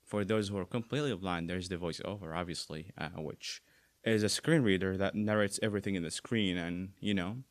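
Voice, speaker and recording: A young adult guest with an Arabic accent chats easily in a casual interview, his very low voice sounding dry and close on a dry recording. He is relaxed, often circling back to restart and filling pauses with small words.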